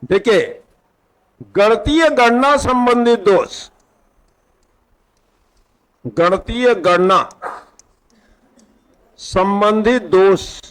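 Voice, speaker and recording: A man's voice: high voice, very slow, pauses often, fairly bright tone, smooth, poor audio. A male teacher giving an exam-prep lecture with a Hindi accent, quizzing his students and repeating the key terms.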